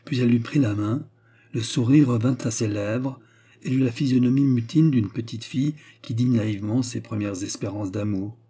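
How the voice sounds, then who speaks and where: A man narrating a novel in a measured audiobook reading. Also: medium pitch, dark tone, breathy edge.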